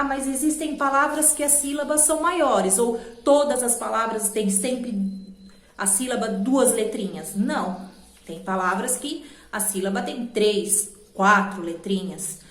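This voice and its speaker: A woman with a Brazilian Portuguese accent teaching a children's grammar lesson, patiently slowing down to spell out letters and syllables. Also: fairly high pitch. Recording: echoey room.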